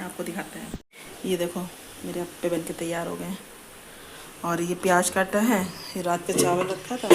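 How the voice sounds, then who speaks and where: A woman's voice: lowish voice, noisy background. Chatty woman vlogging at home. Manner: chatty, rambling, many fillers. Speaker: family vlogger. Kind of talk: casual home vlog chat. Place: home, indoors.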